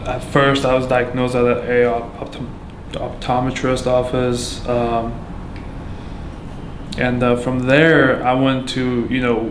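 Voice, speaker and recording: A man from Afghanistan giving a candid account as a patient, halting and full of fillers and restarts. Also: medium pitch, monotone. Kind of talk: candid personal testimony. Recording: echoey room with background noise.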